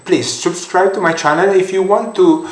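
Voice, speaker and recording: A man with an Italian accent, a native Italian speaker, guiding a screen-recorded software tutorial in halting English with many fillers. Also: high-pitched, steady tone. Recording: roomy echoey home room.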